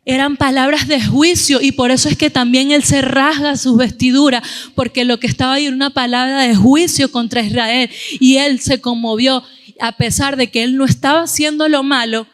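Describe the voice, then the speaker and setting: High-voiced woman preaching in an echoey hall. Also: moderate pace. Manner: animated storytelling, acting out quoted voices. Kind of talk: sermon. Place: church.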